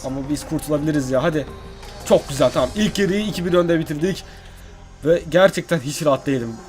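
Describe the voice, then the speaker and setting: Excitable young man commenting on gameplay. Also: fairly high pitch, fast, over music. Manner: excitable, swings from muttering to frustrated outbursts. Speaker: gaming YouTuber.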